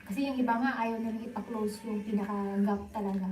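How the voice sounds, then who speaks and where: A woman's voice: medium pitch, steady tone, fairly quick, darkish tone, echoey room, rough recording. A young woman with a Filipino accent chatting casually and informally with viewers on a live stream.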